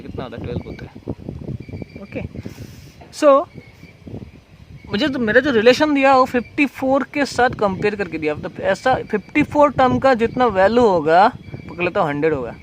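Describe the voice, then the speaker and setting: Man, high voice, math tutor, step-by-step explaining, faint hiss behind. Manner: explains step by step, repeats questions and answers them himself. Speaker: math teacher. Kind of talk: recorded math lesson.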